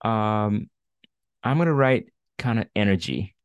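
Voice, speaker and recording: This online coaching session features a man coaching a student on finding work, his speech relaxed, filler-heavy, and peppered with "right?". His fairly low voice is animated yet unhurried, with a clean tone. There's no echo.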